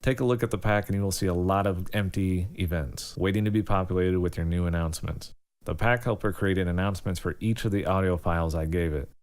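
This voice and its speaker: A low-voiced man narrates a software tutorial, guiding learners through it step by step. His delivery is informal and instructional, like a presenter showing people the ropes.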